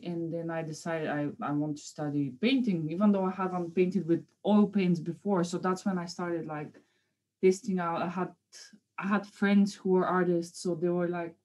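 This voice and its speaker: A Bulgarian painter in her thirties, with a Bulgarian accent, appears as a guest in a casual interview, chatting informally and a little hesitantly. Her voice is on the low side and slightly mellow.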